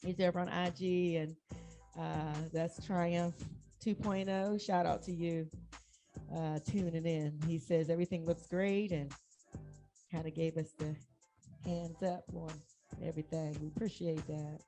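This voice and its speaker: Woman co-host, casual and playful, lowish voice, music under her talk. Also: steady tone, unhurried. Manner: playful, laughing, gives shout-outs. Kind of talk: casual radio show banter.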